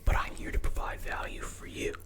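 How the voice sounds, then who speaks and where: An ASMR creator whispering quickly in a candid, reflective ramble, entirely without voicing. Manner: fast, unvoiced whispering throughout.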